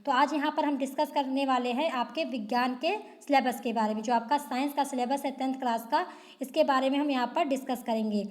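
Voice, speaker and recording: High-voiced woman teaching a class. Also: fairly even intonation, brisk. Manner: repetitive rhetorical questions, answered at once. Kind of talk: explaining a syllabus to students.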